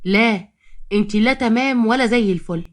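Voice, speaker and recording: A woman's voice: on the high side, a little fast, close to an everyday voice. A woman with an Egyptian accent voicing a scheming, quarrelsome young wife with a sarcastic, defiant tongue. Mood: threatening. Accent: Egyptian Arabic.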